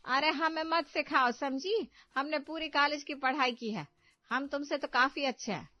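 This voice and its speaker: Woman voicing a young village wife, sharp-tongued, folksy, pitched fairly high, muffled cartoon audio. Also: lively intonation, no room sound. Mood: taunting. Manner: quick retorts, folksy rural speech. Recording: muffled, faint background music.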